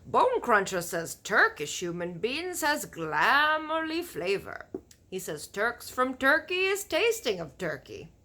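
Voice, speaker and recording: Reading a children's storybook aloud, a woman voices a huge, boisterous giant who boastfully explains things in mangled folksy grammar, declaiming loudly, emphatically and drawn-out. Her voice is fairly high and pushed up, very animated and exaggerated.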